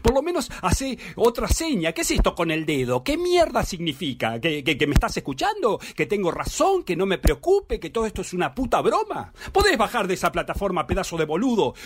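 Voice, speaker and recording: A man's voice: high voice, wildly swooping pitch, a little fast, hardly any pauses, noisy background. Man voicing a frantic Argentine wife. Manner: pleading, exasperated, scolding, stammering. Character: frantic middle-aged wife scolding her runaway husband. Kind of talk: dramatic reading of a theatre monologue.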